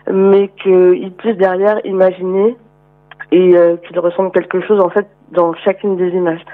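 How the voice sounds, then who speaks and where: A woman guest on a radio show who talks about her photography work in a relaxed way, full of fillers. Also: lowish voice, no room sound, phone-quality sound. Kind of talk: casual radio interview.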